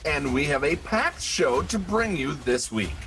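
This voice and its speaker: A man's voice: on the high side, big pitch swings, a little slow, vocal fry, a bit bright, soft background music. A man co-hosting a gaming podcast in casual, conversational chat. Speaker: podcast co-host.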